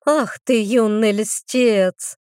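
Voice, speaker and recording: Woman doing a playful mom, teasing, flirtatious, drawn-out, high and bright. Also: animated, dry recording, studio quality.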